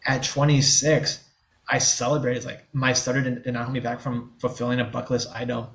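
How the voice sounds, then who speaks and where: There's vocal fry in this man's medium-pitched, slightly bright voice, which stays fairly flat as he talks at a fairly quick clip. He's in his twenties, from the New Orleans area, and a guest on a podcast interview, openly stuttering with blocks and repeated sounds in an easygoing, honest way.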